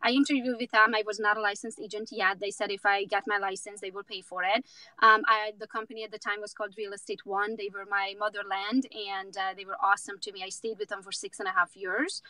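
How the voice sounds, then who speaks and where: A woman's voice: medium pitch, level tone, fast, pushed and bright, no room sound, poor audio. A woman from Romania, a real estate agent in her thirties, talking outspokenly and with jokes as a guest in a casual interview. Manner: outspoken, confident, joking.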